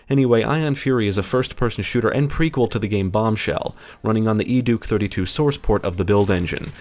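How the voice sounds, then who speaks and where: A man's voice: on the low side, darkish tone. A man narrating a scripted video game review as a voice-over.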